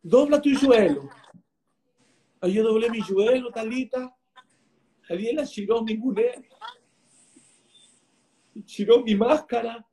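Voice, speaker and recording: A man, a pastor, telling his personal testimony in an interview, halting and repeating words for emphasis. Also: very high voice, warm tone.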